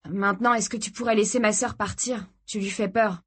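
A woman voicing a calm, protective young man who speaks in a measured, placating way. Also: mid-range voice, husky, lightly acted.

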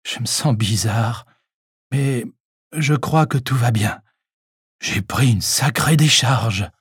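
A man voicing a frail elderly man speaking softly and weakly after a shock. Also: medium pitch, slow, breathy edge, dry recording, studio quality. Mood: dazed.

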